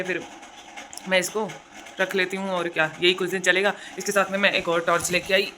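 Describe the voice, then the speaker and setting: A woman's voice: fairly low pitch, pushed and bright, slight background noise. A young woman from India chatting casually in a vlog, telling stories, with a sore throat and a cough now and then. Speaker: vlogger.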